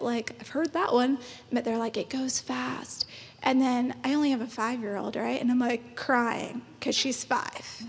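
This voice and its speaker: A woman's voice: sits high, breathy edge. A woman in her thirties speaking on a church panel in a chatty, encouraging way, laughing often. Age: 30s. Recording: long hall reverb.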